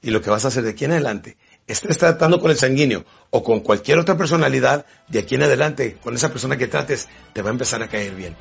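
Gravelly motivational speaker, lively. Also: male voice, mid-range voice, highs cut off. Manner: animated, acts out quick character voices. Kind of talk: motivational seminar talk.

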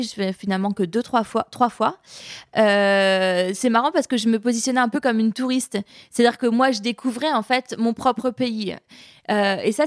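A woman who cooks Indian food for a living, chatting in an interview and pausing often as she thinks aloud. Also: on the high side, dry recording, studio quality. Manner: hesitant, thoughtful, many pauses and restarts. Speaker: chef of Indian cuisine. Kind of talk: casual interview conversation.

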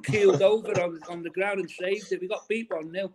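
Reminiscing in a casual interview, a middle-aged man who used to play football keeps restarting sentences and saying "you know." He talks fairly quickly in a high, a little mellow voice with fairly even intonation, and there's a little hiss or hum.

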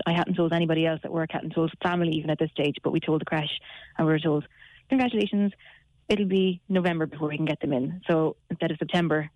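A woman's voice: sits low, darkish tone, no echo, lo-fi sound. A woman in her thirties with a west of Ireland accent, chatting matter-of-factly as a caller on a radio phone-in. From Galway, Ireland. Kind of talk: casual personal account on talk radio.

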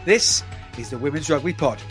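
A man's voice: fairly high pitch, expressive, moderate pace, a bit bright, faint music behind. A man hosting a sports podcast in a casual, jokey presenting style. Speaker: podcast host.

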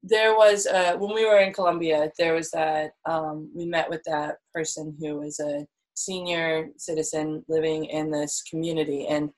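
A woman's voice: deep voice, flat delivery, normal speed, hardly any pauses, rough recording. A young woman guest in a casual interview, talking in a reflective, rambling way with many fillers.

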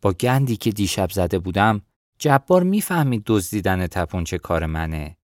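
Low-voiced man narrating a novel. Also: very animated, dry recording, studio quality. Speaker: audiobook narrator. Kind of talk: scripted first-person novel narration.

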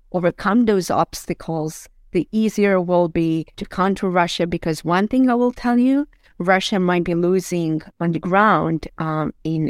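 A woman's voice: lowish voice, smooth, no room sound. A woman, recorded close and dry. She argues her points as an expert interviewee, insistent and emphatic, peppering her speech with "you know" and "like.". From Eastern Europe. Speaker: expert guest on propaganda and disinformation. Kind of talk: interview answers, argumentative commentary.

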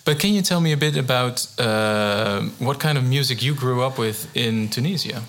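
Halting interview host, man. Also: medium pitch, a bit bright. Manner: halting questions with fillers. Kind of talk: casual interview.

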